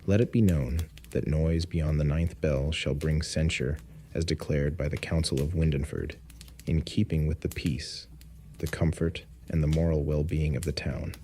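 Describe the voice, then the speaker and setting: An officious medieval town crier making a formal proclamation, read by a bedtime story narrator. The voice is extremely deep and dark, kept mellow even as it proclaims. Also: male voice, moderate pace. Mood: proclaiming.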